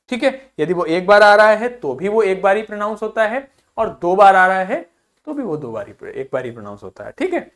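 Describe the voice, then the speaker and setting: Speaking Hindi in a video lesson, a male English teacher asks questions and then supplies the answers, saying example words slowly and more than once. His voice sits high.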